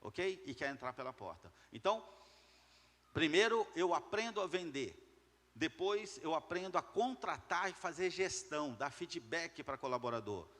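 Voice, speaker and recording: A man's voice: a little high, lively intonation, normal speed, fairly bright tone. A man with a slightly raised voice gives a punchy motivational talk to entrepreneurs. He hammers his points home through repetition and keeps asking the crowd questions. His voice rings with the long reverb of a large hall. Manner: emphatic, repeats key words, asks the audience questions. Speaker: business speaker addressing entrepreneurs. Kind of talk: motivational talk to a live audience.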